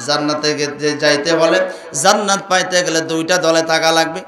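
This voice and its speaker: A man's voice: on the high side, fairly even intonation, normal speed. Fiery man preaching to a crowd. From Bangladesh. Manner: repeatedly urges the crowd to answer louder; swings between quiet questions and loud chanted outbursts. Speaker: preacher at a religious gathering. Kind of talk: impassioned Islamic sermon with sung passages. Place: large religious gathering. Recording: echoey venue with faint music.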